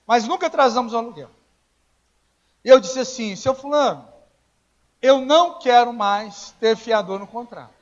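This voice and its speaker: A man preaching a sermon as pastor, telling stories in a conversational way, acting out the dialogue and now and then rising to a shout. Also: extremely high pitch, normal speed, pauses often. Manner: conversational storytelling, acts out dialogue, rises to shouting. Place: church. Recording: dull lo-fi church recording.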